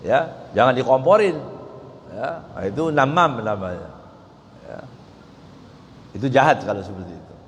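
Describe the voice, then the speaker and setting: A man's voice: mid-range voice, lively intonation, moderate pace, long pauses, muffled recording. A man giving a casual religious study lecture, chatty and conversational, often acting out little dialogues and checking in with "ya". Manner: conversational, acts out quoted dialogue, frequent "ya". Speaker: religious teacher. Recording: echoey hall with faint ambience.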